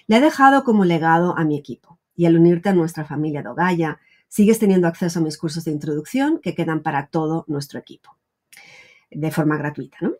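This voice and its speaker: A woman's voice: on the low side, warm tone. A woman around forty explaining things earnestly and directly to the viewer as a channel host, recorded in a small home office. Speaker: YouTube channel host, wellness educator. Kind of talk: direct-to-camera explanatory vlog talk. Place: small wood-panelled home office, indoors.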